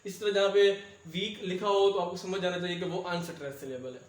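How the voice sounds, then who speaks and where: A fairly high-pitched man explains a lesson, repeating key words and asking his listeners if they have followed. He speaks in an echoey room. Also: fairly even intonation, brisk. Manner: repetitive, checks understanding with "ठीक है दोस्तों"; mixes English terms into Hindustani speech. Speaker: English teacher. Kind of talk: classroom lecture.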